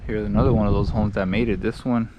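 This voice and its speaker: A man's voice: lowish voice, steady tone, fast, highs cut off. A man in his thirties talking casually to his camera as he walks outdoors in the wind, as a travel vlogger. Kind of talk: casual walking travel vlog. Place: outdoors on hilly old village streets. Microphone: action camera held at arm's length. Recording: windy outdoor noise on action camera.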